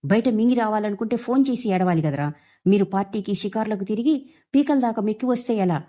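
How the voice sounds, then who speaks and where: A woman's voice: medium pitch, fairly quick, lightly acted. A woman voicing an angry young husband who scolds his family for wasting his wife's cooking. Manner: scolding, shouting.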